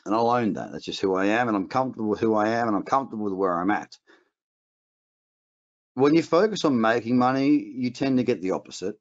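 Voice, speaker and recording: A man's voice: fairly low pitch, animated, a little fast. A man with an Australian accent teaching a casual trading webinar, blunt and rambling, with frequent restarts. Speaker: trading educator. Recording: dull lo-fi webinar audio.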